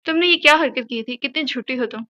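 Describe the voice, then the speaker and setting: A woman's voice: high voice, fast talker, bright, forceful tone, highs cut off. A woman voicing a proud, possessive young husband in an audio novel, asking curt, commanding questions.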